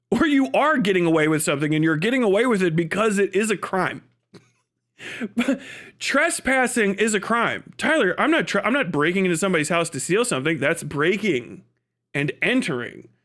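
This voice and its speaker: A live streamer with a high, fairly bright voice that swings widely in pitch rants off the cuff, sounding exasperated and incredulous. He's blunt and sweary, often laughs mid-sentence, and acts out the arguments he objects to.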